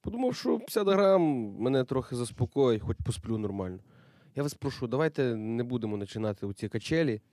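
Actor as a cynical, defiant soldier. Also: male voice, medium pitch, big pitch swings, fast talker, dark tone, no echo, close to an everyday voice. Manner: brusque, dismissive, slangy. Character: young cynical wounded soldier, defiant, loner.

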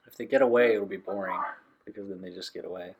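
A young man in casual chat with friends, often pausing to search for his words. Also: low voice, steady tone, husky.

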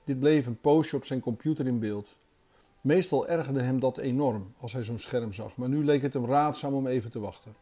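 A man narrating a story in a calm, steady storytelling manner. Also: mid-range voice, moderate pace. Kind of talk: scripted storytelling.

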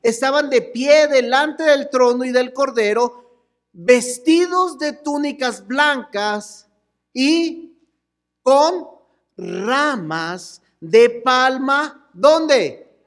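A woman preaching a sermon in a slow, drawn-out way, her voice sitting high. She asks the crowd questions and draws out each phrase, rising at times to a shout. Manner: animated, asks the crowd questions and calls out with them. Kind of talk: sermon to a mixed congregation with children.

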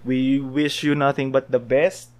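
A man's voice: mid-range voice, slow pace. A young man from the Philippines, co-hosting a podcast, chatting casually and telling stories in a mix of Filipino and English. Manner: animated storyteller, mixes Filipino and English. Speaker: podcast co-host. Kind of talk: casual chat, birthday tribute.

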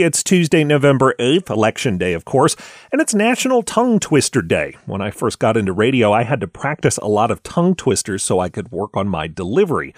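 Lively, animated male podcast host. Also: no room sound, studio quality. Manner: lively, upbeat delivery with wide pitch swings. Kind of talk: scripted radio-style narration.

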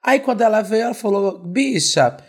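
A Brazilian woman co-hosting a gossip podcast, hoarse from losing her voice, telling stories in an animated, slangy, self-mocking way. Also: mid-range voice, normal speed. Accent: Brazilian Portuguese. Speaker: podcast co-host. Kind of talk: casual gossip chat.

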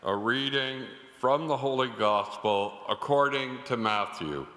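Priest in a cathedral echo. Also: male voice, medium pitch, expressive, pushed and bright. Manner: slow, deliberate delivery. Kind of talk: gospel reading and homily. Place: large church. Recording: cathedral echo, long reverb.

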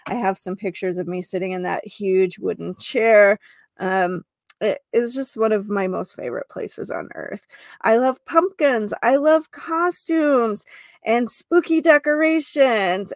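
American lady doing a spiritual show, gentle mystic healer vibe, kinda high voice, takes her time, gushy. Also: no room sound, clean studio sound. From North Dakota, United States. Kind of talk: casual spiritual show monologue.

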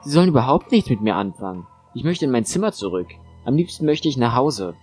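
A man's voice: sing-song, fast talker, darkish tone, husky, soft background music. A man voicing a frightened, pleading woman patient in an audiobook, in a raised anxious voice. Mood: insistent. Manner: anxious, pleading, high-pitched. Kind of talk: audiobook narration.

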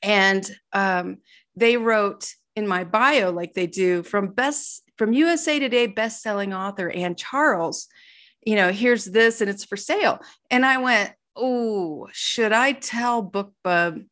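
Middle-aged woman, interview guest, mid-pitched, lively and self-deprecating, slips into voices for the people in her stories. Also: a little slow. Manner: animated, self-deprecating storyteller who acts out quoted dialogue. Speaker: author guest. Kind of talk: casual interview storytelling.

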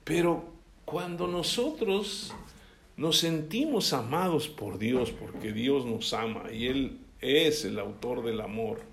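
A man's voice: mid-range voice, expressive, slow, fairly bright tone, a little hiss or hum. A man preaching a sermon in a conversational way, often checking that listeners follow along. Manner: conversational, asks listeners for assent. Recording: echoey room.

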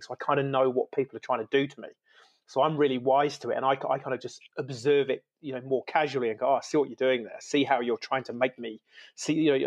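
A man originally from the UK, a podcast guest in casual conversation, talking with enthusiasm and laughing often. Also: mid-range voice. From United Kingdom. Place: lives in New Zealand.

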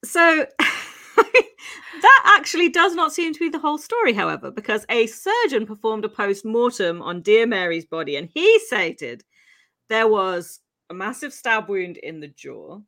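A woman's voice: a little high, sing-song, normal speed, pushed and bright. A Welsh-born woman co-hosting a podcast, telling a true-crime story in a chatty way, with fillers and frequent laughs. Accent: English with faint Welsh traces. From Wales. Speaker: podcast co-host.

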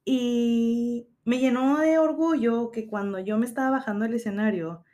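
A woman in her thirties with a Mexican accent hosts a podcast, telling a story in casual chat. Her voice is a little high and mellow at a moderate pace, and she uses slang and swears freely while acting out quotes.

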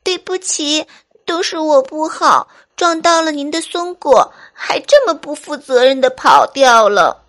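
A woman's voice: measured pace, a bit bright. A woman doing a timid little boy fox. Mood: tearful apology. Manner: high, small, tearful pleading. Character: small young boy fox, timid and remorseful.

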